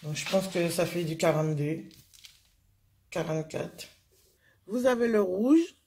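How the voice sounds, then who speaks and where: A woman's voice: lowish voice, lively intonation, a little slow, a little mellow, slightly rough. A woman, casually chatting through a clothing haul video and rambling with lots of fillers. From Guadeloupe. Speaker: vlogger.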